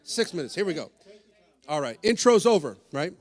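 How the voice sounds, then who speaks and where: Man, pastor, preaching a sermon, animated, acting out voices, lively pitch, church with long reverb. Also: normal speed. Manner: animated, acts out voices of the disciples, many asides and "right?". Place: church sanctuary.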